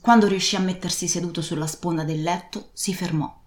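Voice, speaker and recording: A woman narrating a story in a calm, measured way. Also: on the low side, echoey room. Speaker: audiobook narrator. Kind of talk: storybook reading.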